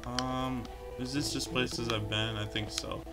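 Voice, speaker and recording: A man's voice: medium pitch, level tone, a little slow. A man hosting a casual let's play, commenting on his game in a goofy, jokey, self-mocking way at a desk microphone. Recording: game music playing underneath.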